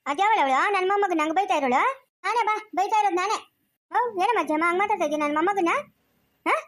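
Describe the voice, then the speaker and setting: A skit actor plays a sharp-tongued old village grandmother in a comic family sketch, fiercely protective and always spoiling for a fight. Speaking in a rural Chikkaballapur Kannada accent, her very high voice rattles along briskly as she scolds, quarrelsome and fast-talking.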